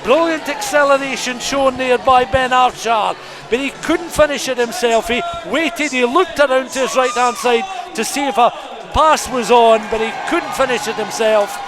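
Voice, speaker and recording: This live outdoor radio commentary comes from a rugby stadium, where a man with a very high-pitched, raised voice talks at normal speed with few pauses. He describes the play in detail, setting the scene as the crowd sounds behind him.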